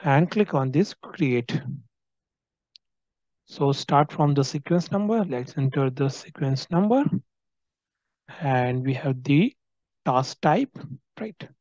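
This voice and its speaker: Slow, dark-voiced male software trainer. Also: on the high side, lively intonation, no echo, highs cut off. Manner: explanatory, frequent tag "right?". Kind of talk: screen-recorded software tutorial.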